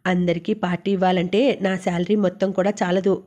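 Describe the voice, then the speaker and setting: A woman voicing a gentle, wistful young working woman talking with her roommate and father. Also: fairly low pitch, little pitch movement, brisk, close to an everyday voice.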